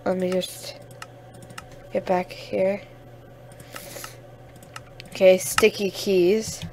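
A woman's voice: mid-range voice, flat delivery, very slow, darkish tone, a little hiss or hum. A young woman giving casual, chatty commentary over a game, sniffling now and then and easily flustered. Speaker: gamer.

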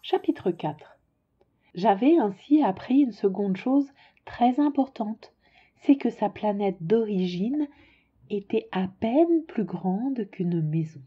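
A woman reading a storybook aloud in a calm, measured way. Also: medium pitch, husky, highs cut off. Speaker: reader.

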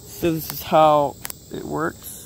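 Male toy reviewer, somewhat high voice, plain-spoken and meandering. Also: flat delivery, slow pace, creaky, heavy background noise. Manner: rambling, stops and restarts often; plain-spoken, drops a curse casually. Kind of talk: casual hands-on toy review.

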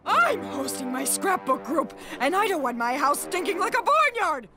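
An exasperated, bossy cartoon housewife, with a very high, animated voice. She speaks in measured beats over background music. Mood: indignant. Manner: scolding, indignant.

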